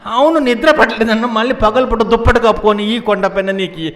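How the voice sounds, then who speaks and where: A man's voice: fairly high pitch, lively intonation, brisk, a little hiss or hum, close to an everyday voice. A man playing a fussing, worried mother. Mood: worried scolding. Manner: scolding and coaxing.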